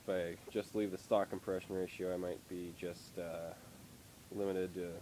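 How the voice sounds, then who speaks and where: Nasal from a cold, a young car hobbyist rambles hesitantly through a casual update on his car project, filling pauses constantly from his dim workshop. His voice sits low and sounds dark, flat, and at normal speed, and the rough recording has some hiss or hum.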